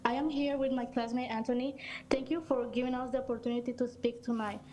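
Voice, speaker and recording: A student, a young woman, reading a prepared public comment at a school board meeting in a formal, steady way with small slips. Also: on the high side, fast talker, a little hiss or hum, low-quality recording. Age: teens.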